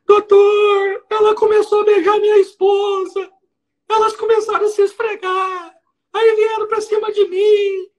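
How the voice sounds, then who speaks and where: A man voicing a desperate accused man, crying and confessing in a shrill, shouting wail. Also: flat delivery, a little slow, rough recording. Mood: sobbing. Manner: high-pitched wailing, shouting out.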